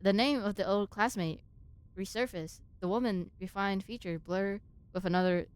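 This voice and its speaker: A woman's voice: medium pitch, normal speed, smooth. A woman streaming a game, reading its text aloud and reacting casually.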